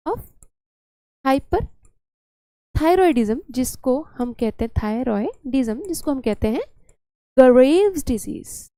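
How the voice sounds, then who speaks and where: Low-pitched, gravelly woman teacher. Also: warm tone, no echo. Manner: chatty, scolding, mixes English terms. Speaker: biology teacher. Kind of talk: lecture.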